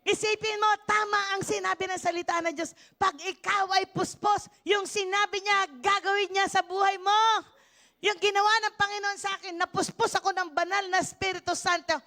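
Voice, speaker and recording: An older woman from the Philippines preaching a church sermon, animated, breaking into shouted hallelujahs and laughter. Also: very high voice, normal speed. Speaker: pastor. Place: church service.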